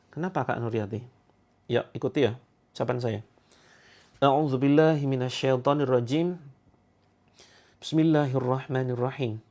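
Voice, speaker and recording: A slightly hoarse man leading a live-streamed ruqyah session. He jokes with viewers, then guides them through a slow, solemn prayer they repeat after him. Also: mid-range voice. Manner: relaxed and joking in talk, slow and solemn in prayer. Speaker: ruqyah leader.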